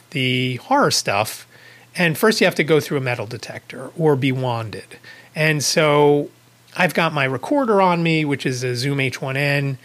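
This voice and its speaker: A man with a somewhat high-pitched voice hosts his own podcast and tells a long personal story. He talks casually and rambles, restarting sentences and correcting himself. He drops in small chuckling asides along the way. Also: a bit bright. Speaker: podcast host.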